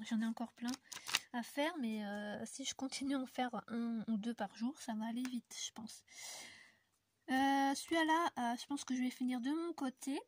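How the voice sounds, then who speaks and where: With a slightly high voice and a darkish tone, a woman from France casually addresses her viewers as she colours on camera in a room in the mountains. She rambles through many fillers, frequently lowering her voice almost to a whisper.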